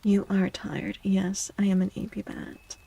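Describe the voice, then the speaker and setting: A soft-spoken woman livestreaming an ASMR tarot reading, gentle and soothing, with a breathy voice that often slips into a whisper. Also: mid-range voice, monotone. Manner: gentle, soothing, unhurried reassurance.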